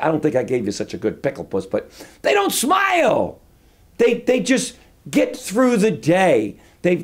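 A man in his fifties giving an upbeat motivational talk to camera in a book-lined study. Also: high voice. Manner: upbeat, animated, gesturing. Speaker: motivational coach. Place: indoor study with bookshelves.

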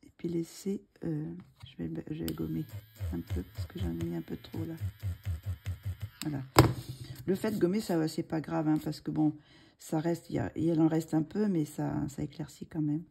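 Speaking at a normal speed, this woman has a low-pitched, creaky, dark voice that's slightly rough. She's running a coloring tutorial in a relaxed way, hesitating often with fillers and restarts, murmuring to herself as she works and sounding a little froggy in the throat.

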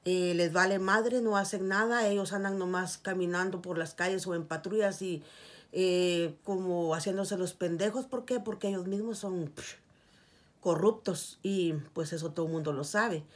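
A woman's voice: lowish voice, normal speed. A middle-aged woman from Guatemala with a Guatemalan accent, earnestly pleading with her viewers in a casual vlog, recorded in a small room with the camera in front of her. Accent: Guatemalan Spanish. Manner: earnest, pleading, repeats "please, guys". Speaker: vlogger. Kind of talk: casual heartfelt appeal to viewers. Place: small indoor room with curtains.

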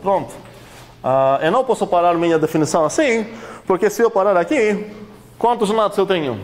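A man's voice: high-pitched, lively intonation, moderate pace, a little hiss or hum. A man lecturing a university class in a conversational way, questioning the students often, with many fillers.

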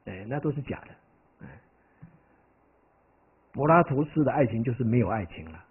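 A man's voice: medium pitch, moderate pace, slightly rough. A man, a Buddhist monk, gives a conversational dharma lecture, often asking his listeners "right?" and wandering into stories. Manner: animated, digressive storytelling. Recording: tinny, phone-like lo-fi recording.

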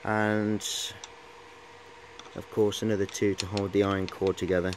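A low-voiced man talks at normal speed with a level tone while showing off high-voltage equipment in a casual, hands-on chat. The setting is a cluttered indoor workshop, and the noisy recording comes from a handheld camera held at arm's length, with clear background noise.

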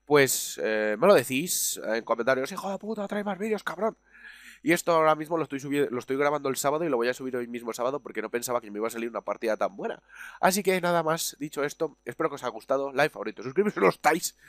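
A young man with a Spain Spanish accent doing let's play commentary, swearing and yelling in frustration, then chatting in a relaxed way. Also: medium pitch, very fast, no echo, clean studio sound. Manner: laid-back chatty outro. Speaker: gaming youtuber.

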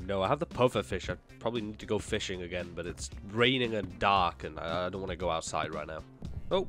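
This gaming YouTuber, a young man, sounds slightly nasal because of a cold, his mid-range voice a bit bright. He chats away jumpily while casually commentating a gameplay video, addressing himself and the game.

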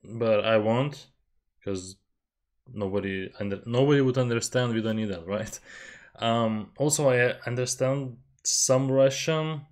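Here the young man's voice is medium in pitch and unhurried as he chats on a headset during casual music reactions. Lithuanian is his first language, he runs a reaction channel from a small bedroom with a desk mic and webcam, and he laughs often while staying chatty and self-deprecating.

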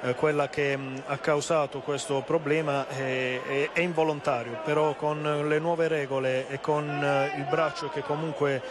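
A man analyses a live football match in a flat, even voice. He explains things haltingly as a co-commentator, with clear stadium noise behind him. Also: on the high side. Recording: live broadcast over loud stadium noise.

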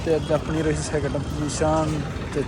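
High-pitched Punjabi man in loud engine noise. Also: completely flat delivery, moderate pace. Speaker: vlogger at a village tractor competition. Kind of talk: casual outdoor vlog commentary. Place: outdoors among tractors and vehicles. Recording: very noisy outdoor vehicle and engine sound.

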